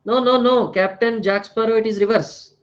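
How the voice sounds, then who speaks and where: A man's voice: high voice, fairly even intonation, moderate pace, muffled recording. An Indian-accented man lecturing live online as a teacher, repeating phrases, checking with tag questions and mixing Hindi words into English. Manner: repeats phrases, frequently tags questions with right and na.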